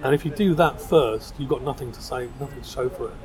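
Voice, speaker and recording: A man's voice: mid-range voice, quick pace, darkish tone, poor audio. A middle-aged man with a South London accent, talking in a casual, discursive, informal way as an interview guest. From South London, England. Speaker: podcast guest, designer. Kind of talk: casual pub interview chat. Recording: busy crowd chatter behind.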